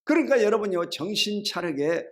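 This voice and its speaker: A middle-aged male pastor preaching a sermon, asking the congregation rhetorical questions and calling for amens, telling homely stories in a chatty way that swings between loud and low. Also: sing-song, normal speed. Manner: colloquial storytelling, shifts between loud and low.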